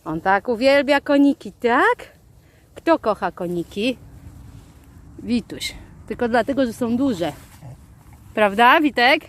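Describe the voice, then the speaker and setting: A woman talking to her dogs outdoors in the fields, in a sing-song baby-talk voice, calling out commands and squealing with excitement. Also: a little high, slow, pauses often. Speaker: dog owner vlogger.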